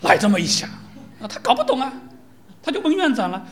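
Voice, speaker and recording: Lively, animated sermon preacher. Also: high-pitched, fast talker. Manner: lively storytelling with rhetorical questions.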